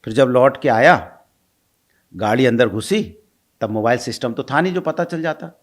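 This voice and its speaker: A man's voice: medium pitch, moderate pace. A middle-aged man, telling stories as an interview guest, laughing and acting out quoted lines. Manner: animated, laughs while recounting, acts out quoted lines. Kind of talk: casual storytelling.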